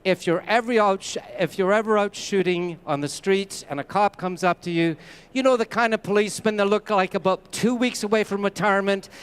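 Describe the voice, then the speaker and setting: A man's voice: high-pitched, a bit bright, clean tone. A man giving a conference masterclass, telling anecdotes and speaking straight to the audience. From Canada. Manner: anecdotal, conversational, addresses the audience directly. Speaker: masterclass presenter. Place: conference stage before a live audience.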